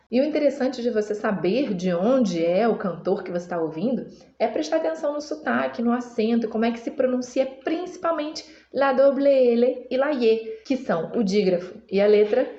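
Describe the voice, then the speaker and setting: A woman's voice: a little high, mellow, reverberant. Woman teacher, native Portuguese speaker, walks through lyrics patiently, slightly dull sound. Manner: patient, repeats words slowly for practice. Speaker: Spanish teacher. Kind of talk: explaining song lyrics in a language lesson.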